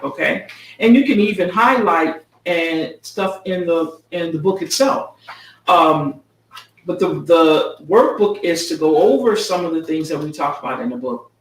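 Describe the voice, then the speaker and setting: A woman's voice: deep voice, lively intonation, measured pace. Chatty woman author with a roomy echo. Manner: casual, ends many sentences with a checking "okay?". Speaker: author promoting her own book. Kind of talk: casual live video chat. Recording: roomy echo, mic set far off.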